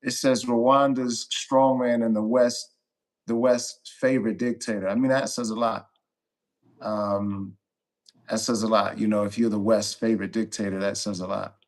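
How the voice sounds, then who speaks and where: A man's voice: fairly low pitch, level tone, moderate pace. A man co-hosting a podcast in a laid-back, agreeable way. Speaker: podcast co-host. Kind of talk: casual podcast chat.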